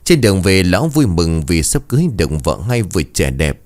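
Low-voiced male storyteller. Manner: expressive, measured storytelling. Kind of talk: dramatic story narration.

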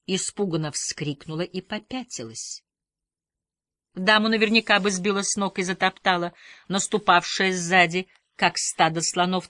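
Woman, audiobook narration, measured reflective reading, lowish voice, dry close sound. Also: fairly bright tone, dry recording. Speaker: audiobook reader.

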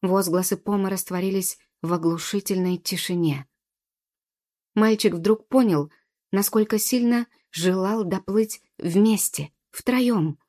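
A woman reading a children's adventure story aloud in an expressive, dramatic narration. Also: medium pitch, unhurried. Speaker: audiobook narrator.

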